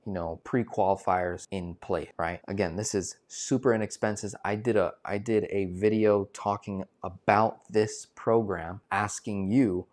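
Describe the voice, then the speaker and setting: A man in his twenties, a financial coach, giving an animated direct-to-camera sales pitch on a lapel mic, often tagging lines with "right?". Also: a little slow, hardly any pauses. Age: 20s. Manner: animated, gesturing, many filler "right?" tags. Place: indoor studio with plain backdrop.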